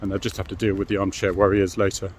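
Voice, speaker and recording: Here a deep-voiced man speaks fast in a level tone over slight background noise. He's a middle-aged Brit and ex-police officer explaining things informally, matter-of-fact and frank, with frequent tag questions.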